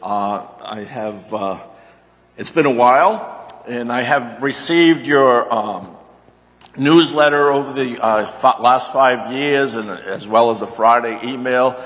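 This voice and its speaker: An older man gives a sermon as a returning guest preacher, unhurried and self-deprecating, with a middle-pitched voice. He slips in many fillers before reading scripture aloud. His voice rings out with a long reverb through the church. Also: a bit bright, slightly rough.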